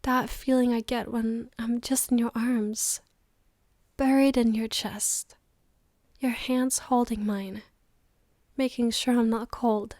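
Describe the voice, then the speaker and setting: A woman playing a loving, tired girlfriend on a late-night call, in a soft, intimate ASMR role-play. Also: on the high side, little pitch movement, takes it slowly, dry recording, studio quality. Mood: tender, loving.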